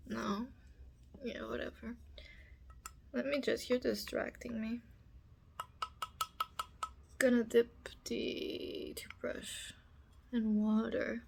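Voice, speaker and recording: A young woman voicing a bossy, teasing female roommate in a whispered role-play, speaking softly close to the mic. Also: a little high, level tone, takes it slowly, gravelly, long pauses, a little hiss or hum, heavily acted. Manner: teasing, commanding, soft whispering. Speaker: ASMR performer.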